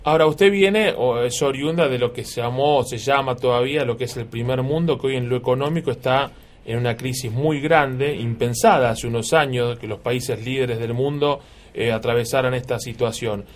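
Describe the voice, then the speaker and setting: A radio host with an Argentine Spanish accent conducts an interview, asking long, rambling questions full of restarts. His voice is medium-pitched and moderately paced.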